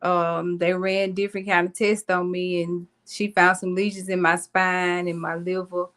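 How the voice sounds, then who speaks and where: Earnest, halting woman on a call. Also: on the low side, little pitch movement, a bit bright. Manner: earnest, halting, many ums. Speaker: guest. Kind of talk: personal story on a podcast. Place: video call.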